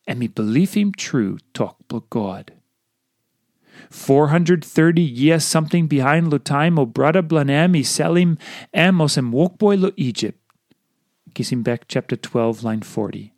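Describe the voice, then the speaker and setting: A man with a Papua New Guinean accent reading a devotional aloud in Papua New Guinea pidgin in an expressive way. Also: fairly high pitch, no room sound, clean studio sound. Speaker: devotional reader.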